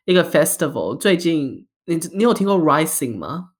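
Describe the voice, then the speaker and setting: A woman's voice: low-pitched, very animated, moderate pace. A woman chatting casually in Mandarin, often slipping English words and phrases into her sentences. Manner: code-switches into English mid-sentence.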